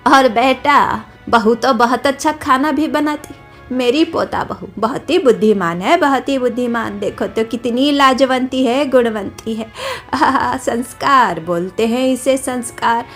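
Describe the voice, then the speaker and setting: A woman voicing a sharp-tongued, scornful old grandmother-in-law in a cartoon story, muttering slow mockery. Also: on the high side, faint music behind. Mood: sweet praise. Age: older.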